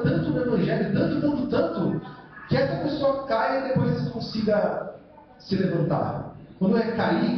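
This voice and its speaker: A Brazilian man with a high voice preaches a sermon, chatty and full of questions he answers himself. He sounds far from the mic, with heavy echo around him. The sound is dull and muffled. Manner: conversational, with constant "né?" tag questions; asks rhetorical questions and answers them. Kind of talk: church sermon. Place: church hall.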